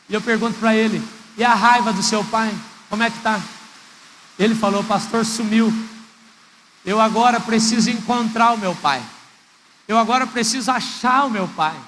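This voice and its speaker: High, bright-voiced preacher in an echoey church. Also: male voice. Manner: emphatic preaching, stretching key words, builds to loud cries. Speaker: pastor. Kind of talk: sermon. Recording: echoey church hall, faint rain noise.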